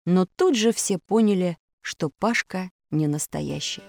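A woman narrating an audiobook of a children's story in an expressive storytelling manner. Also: fairly low pitch, a little slow, vocal fry.

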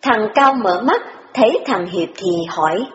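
A woman giving steady, measured scripted narration of an audiobook. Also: medium pitch. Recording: dull, roomy reverberant audio with faint music.

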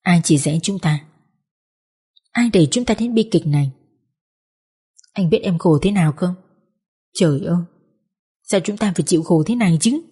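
A woman's voice: fairly low pitch, normal speed, pauses often, dark tone, breathy edge. A woman voicing an anguished wife and mother pleading with her husband, reproachful in tone.

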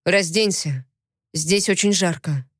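A woman's voice: on the low side, slow pace, dry recording, studio quality. Woman doing a blunt village man. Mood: flat. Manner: shouting, insistent. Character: stubborn forceful male villager, blunt.

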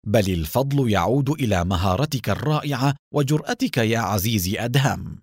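A man's voice: medium pitch, expressive, a little fast, breathy edge, dry recording, studio quality. A man voicing a jovial, admiring sidekick in a storybook reading. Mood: hearty. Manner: hearty, admiring.

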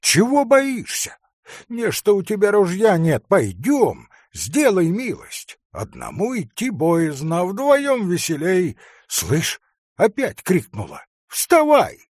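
A man's voice: on the high side, sing-song, slow, husky, no echo, clean studio sound, pitched above the performer's own voice, exaggerated voice. A man voicing a bold, impatient young male hunter who speaks urgently and gives orders. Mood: urging. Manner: urgent, commanding, shouting.

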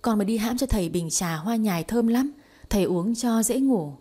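Sharp-tongued young wife, read by a woman. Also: on the high side, close to an everyday voice. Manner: scolding, quick and mocking.

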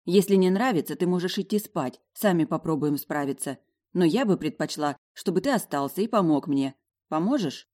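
Determined young heroine of a fantasy audiobook, firm and direct, keeping her companions in line. A woman with a deep, low voice plays her close to her own speaking voice. She sounds steady and in charge. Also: normal speed. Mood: restrained. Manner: firm, pleading at times. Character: determined young heroine, first-person narrator. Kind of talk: audiobook character voice.

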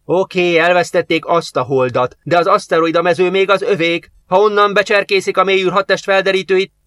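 A cocky young mechanic of barely twenty, pitched well above the reader's usual voice and pushed louder, as a male narrator puts him on. He sounds protesting and eager, in a dry, close audiobook reading. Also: steady tone, smooth, no echo.

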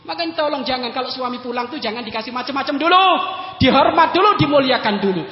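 A male Islamic preacher giving a humorous sermon, joking with his congregation and firing quick questions at them, swinging from loud bursts to low asides. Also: expressive. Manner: jokey, addresses listeners directly with quick questions. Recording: echoey hall, dull lo-fi sound.

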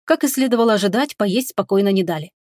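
Woman narrator, measured expressive reading, mid pitch, dry close sound. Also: dry recording. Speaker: audiobook narrator. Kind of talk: scripted fantasy narration.

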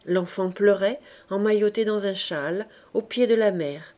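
A woman narrating a classic novel as an audiobook, in a measured, expressive way. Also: mid-range voice. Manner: measured, expressive literary reading. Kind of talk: reading a classic novel aloud.

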